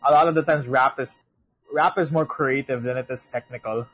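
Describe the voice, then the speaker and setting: Young guy host, husky voice, loose rambly talk, swears a lot. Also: mid-range voice, brisk, fairly bright tone, low-quality recording. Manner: rambling, swears, many restarts and laughs. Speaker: podcast co-host. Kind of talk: casual chat.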